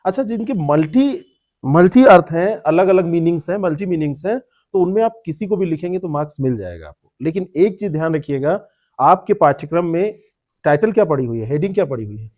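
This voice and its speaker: A man's voice: a little high, sing-song, brisk, a little mellow. A man teaching a classroom lecture, explaining word meanings, repeating terms and quizzing students by name. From India.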